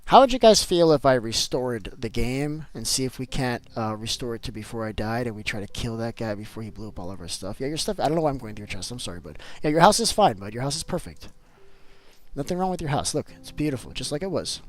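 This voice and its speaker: A man's voice: mid-range voice, expressive, quick pace. A man streaming a game live, chatting casually with viewers and reading out their messages, swinging between upbeat and grumbling. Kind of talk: live-stream chat while playing.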